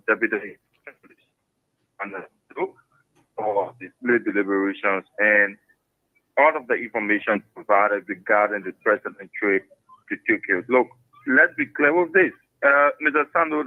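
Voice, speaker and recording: A man's voice: medium pitch, no room sound. Argumentative man on a clipped phone line. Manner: argumentative, repeats words while searching for them. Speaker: caller. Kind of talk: call-in commentary on a radio talk show. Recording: narrow dry phone line.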